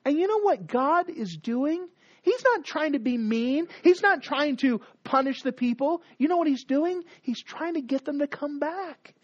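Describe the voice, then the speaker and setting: Preacher, lively sermon delivery, loud to hushed, dull lo-fi recording. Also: high voice, unhurried, dry recording. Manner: dramatic swings from loud to hushed; emphatic, repetitive cadence.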